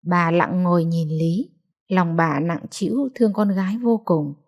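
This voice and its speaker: A woman narrating a family story in a steady, measured storytelling voice. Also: lowish voice, muffled recording. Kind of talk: scripted narration.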